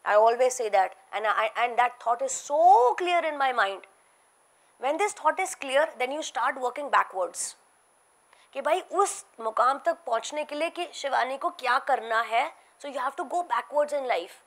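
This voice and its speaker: A woman's voice: high-pitched, animated, fast talker. A middle-aged woman with an Indian accent giving an emphatic motivational lecture, repeating key phrases for weight. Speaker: entrepreneur giving a guest lecture. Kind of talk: motivational talk to students, switching between English and Hindi. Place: large auditorium stage, indoors.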